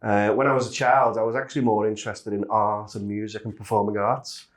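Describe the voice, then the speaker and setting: Speaking fairly quickly in a low voice with little pitch movement, this middle-aged Liverpudlian is a casual interview guest. He works as an industrial safety manager and has a Liverpool accent.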